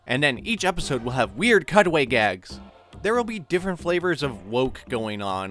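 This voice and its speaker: A man's voice: a little high, fairly bright tone. A man delivering a sarcastic, critical opinion commentary for his video channel.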